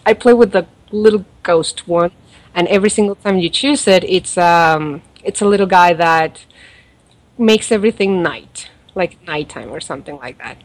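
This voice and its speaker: Speaking at normal speed in a fairly low voice, a woman with a non-native accent, origin unstated, chats loosely on a podcast about a mobile game, rambling, laughing, and using fillers.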